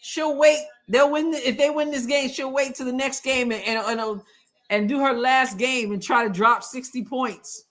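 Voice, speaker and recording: Woman stream host with a slightly high voice, gives blunt, sarcastic reactions while watching a game. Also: fairly even intonation, moderate pace, a bit bright. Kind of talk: casual chat watching a game.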